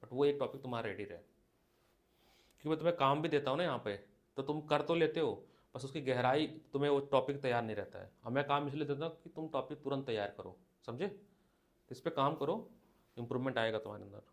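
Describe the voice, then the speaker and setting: Male physics teacher, slow repeated dictation, direct coaching, classroom lecture. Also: medium pitch, expressive.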